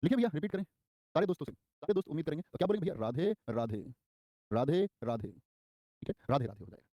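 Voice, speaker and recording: A young man runs a live online grammar class, talking quickly and firing questions at his students. His voice sits a little high but sounds mellow and soft-edged. He is recorded dry and close, with no room sound at all. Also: no room sound. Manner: energetic, repeats key terms and quizzes students; acts out short quoted lines in a raised voice. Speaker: Hindi grammar teacher.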